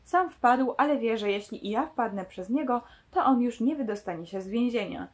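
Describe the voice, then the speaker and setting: A woman's voice: fairly high pitch, animated, moderate pace, a little mellow. A woman reading the lines of a sly, mocking male crook from a novel aloud, giving him only a light voice. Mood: scheming.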